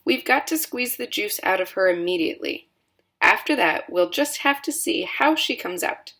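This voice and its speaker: A woman's voice: mid-range voice, lively intonation, moderate pace, sharp tone. An eccentric candy maker sighs over his failed invention in a rueful, matter-of-fact voice. A woman reading aloud plays him. It is a storybook reading.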